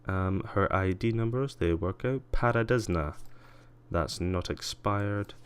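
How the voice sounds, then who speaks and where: A man's voice: deep voice, measured pace, smooth. A young man chatting casually and self-mockingly while he plays a game on stream, muttering to himself and to chat. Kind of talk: casual gameplay commentary.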